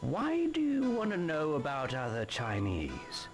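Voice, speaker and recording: A slow-spoken older shopkeeper. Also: male voice, on the high side, huge pitch swings, over music, heavily acted. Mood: explaining. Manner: slow, explaining. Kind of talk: dubbed video game dialogue.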